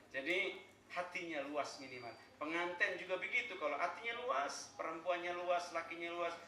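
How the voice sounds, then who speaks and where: A man preaches a joking, story-filled sermon in a bright, forceful voice pitched a little high. He drifts into slow chanted Arabic phrases now and then. The sound rings around an echoey venue. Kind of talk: humorous sermon at a thanksgiving gathering.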